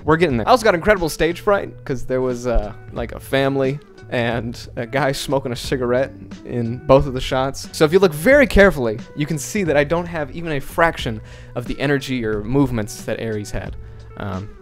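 Talking brisk with hardly any pauses, a young video creator, a Finnish native speaker, walks through his video edit in a casual tutorial vlog from a small bedroom. His mid-range voice is close on a handheld dynamic mic, his manner chatty, jokey and animated, and soft music plays in the background.

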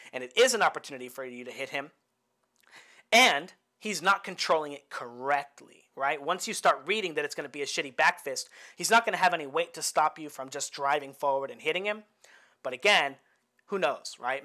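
His voice is fairly high, pushed and bright. The speaker, a boxing coach from the U.S. Bay Area, casually breaks down fight film, chattily tagging lines with "right?" and laughing at his own humor.

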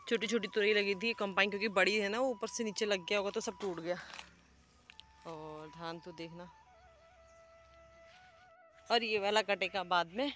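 A woman's voice: medium pitch, steady tone, normal speed, long pauses, a bit bright, soft background music. Chatty Uttarakhandi woman vlogging farm life. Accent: Uttarakhand Hindi. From India. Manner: chatty, explains farm work step by step. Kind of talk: casual village vlog narration. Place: outdoors by rice fields and farmyard, then home kitchen. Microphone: phone camera, often held at arm's length.

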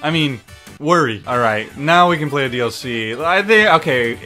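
A man giving excited, casual video game commentary, exclaiming and swearing freely as he plays. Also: mid-range voice, normal speed, soft background music. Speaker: gaming streamer.

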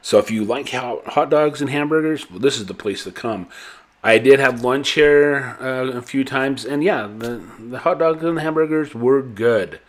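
A man's voice: mid-range voice, normal speed, rough recording. A man vlogging a casual walkthrough of a ship's buffet restaurant, talking in an easygoing, rambling way into a handheld camera. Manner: easygoing, rambling tour talk. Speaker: travel vlogger. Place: ship buffet restaurant, indoors.

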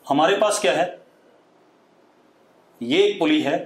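Taking his time, a man with a fairly high voice teaches a live online physics lesson in Hindi mixed with English. He calls students "beta," dictates word by word, and often checks that they follow along. The recording has room echo.

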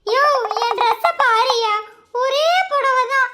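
A woman's voice: very high-pitched, steady tone, slow pace, pushed and bright, heavily acted. A woman playing a jealous, scolding wife who cries out and laments dramatically in a comedy skit. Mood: wailing. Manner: dramatic lamenting, crying out to God. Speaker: comic actor in a skit.

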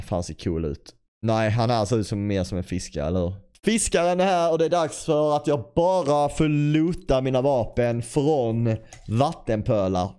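A man's voice: medium pitch, dark tone, smooth. A man giving casual gameplay commentary as a gaming YouTuber, chatty, swearing lightly and talking straight to his viewers. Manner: bursts into playful scatting and sound effects.

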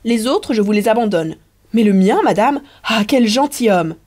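A proud society wife with a lofty, emphatic way of speaking, read by a woman. The voice is dark and mellow. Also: fairly high pitch, expressive, normal speed, voice pushed up.

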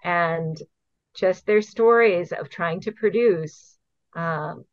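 Her pitch is fairly low and her delivery slow, with no echo on the dull, dry video call audio. The speaker, a middle-aged invasive species program manager from Hawaii, is a guest calling in from home. She answers the interviewer casually, laying things out earnestly step by step and laughing once in a while.

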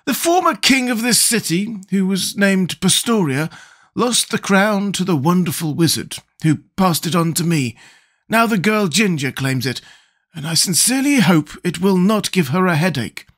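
A thoughtful scarecrow of straw muses aloud in a high, lilting voice, played by a man reading a storybook. He sounds gentle and pleased with his own clever brains, his pitch leaping and falling. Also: animated, normal speed. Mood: relieved. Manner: gentle and philosophical.

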